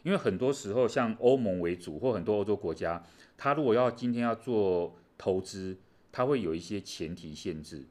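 A man's voice: lowish voice, expressive, moderate pace, darkish tone. A man co-hosting a casual chat on world affairs, explaining things animatedly with many fillers. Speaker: co-host.

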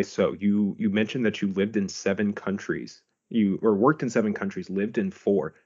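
A man hosting a podcast, introducing a guest and asking relaxed, friendly questions. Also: fairly low pitch, husky, lo-fi sound. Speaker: podcast host.

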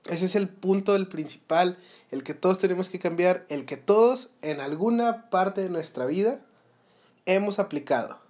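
Young Mexican male podcast host, earnest and advising, slightly higher pitch, rhetorical questions. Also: moderate pace, darkish tone. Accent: Mexican Spanish. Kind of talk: motivational solo podcast talk.

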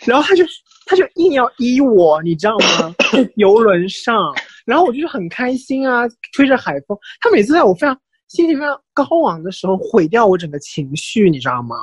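Once more the podcast co-host is high-voiced, a little fast and slightly rough, with no room sound, telling gossipy stories casually and mixing English into his Chinese.

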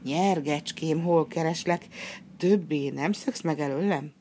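A woman voicing a scheming little boy prince in a storybook reading, in a raised, higher and louder voice than her narration. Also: a little hiss or hum, close to an everyday voice.

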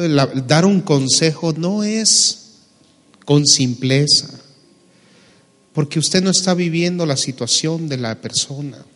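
Pastor preaching in a reverberant hall. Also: male voice, a little high, fairly bright tone. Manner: conversational preaching with asides and jokes. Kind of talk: sermon.

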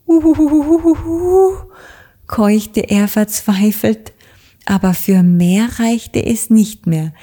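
A woman reading a children's story aloud in a calm, measured storytelling voice. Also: deep voice.

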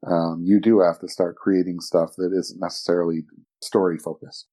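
A man's voice: low voice, flat delivery, moderate pace, mellow. A middle-aged man speaking as a podcast guest, reflective and rambling, often restarting his sentences. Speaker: guest, fantasy author and editor. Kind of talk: podcast conversation.

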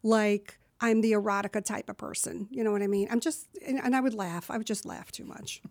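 A woman's voice: medium pitch, steady tone, brisk, dry recording, clean studio sound. A woman from New Jersey, a voiceover artist chatting as an interview guest in a rambling way, full of asides. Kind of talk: casual interview chat.

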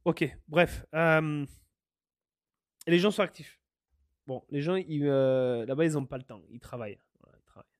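A man from France talks on his podcast in a heated, rambling monologue that trips over repeated words and slips in curses. His voice sits a little high for a man. The sound is close and dry. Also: steady tone, moderate pace, long pauses, dry recording. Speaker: podcast host. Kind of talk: casual monologue. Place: living in Canada.

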